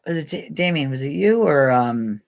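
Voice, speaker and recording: A middle-aged American woman hosts a livestream, her voice low, gravelly and darkish, animated at a moderate pace. She rambles and giggles through casual live chat, laughing often and addressing viewers by name.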